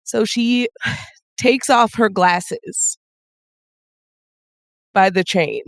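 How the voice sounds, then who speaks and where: A woman playing a tabletop game, quietly and deliberately narrating what her character does. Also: mid-range voice, no echo. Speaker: player.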